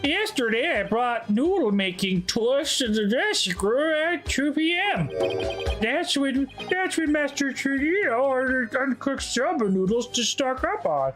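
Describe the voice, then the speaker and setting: A woman's voice: high voice, animated, measured pace, soft background music. A woman voicing a hot-headed male soba shop owner with a put-on Texas twang, folksy and indignant. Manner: folksy, indignant, says ma'am and sir. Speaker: game player voicing characters.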